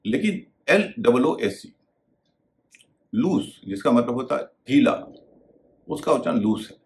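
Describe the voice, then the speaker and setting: Methodical male language teacher, lively pitch. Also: measured pace. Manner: methodical, spells words letter by letter. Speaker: English pronunciation teacher. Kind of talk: explanatory video lesson.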